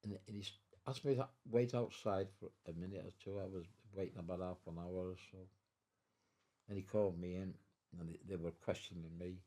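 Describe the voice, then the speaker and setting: Old english guy in his 90s telling his war story at home, lowish mellow voice, stumbles and repeats himself, gets emotional. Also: fairly even intonation. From England. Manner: halting, repeats words and restarts; emotional, tearful at times. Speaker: war veteran interviewee. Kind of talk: personal storytelling interview. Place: living room of his own home.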